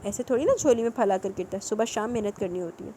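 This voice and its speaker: A woman's voice: mid-range voice, dark tone, a little hiss or hum, lightly acted. Teasing young husband, voiced by a woman. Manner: playful, teasing.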